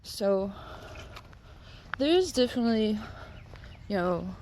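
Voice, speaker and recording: A stoned woman rambling casually and haltingly, with lots of filler "like"s, as she vlogs on a walk. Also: mid-range voice, big pitch swings, darkish tone, a little hiss or hum. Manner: rambling, halting, heavy use of "like". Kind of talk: casual rambling vlog talk. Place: outdoors, on a walk.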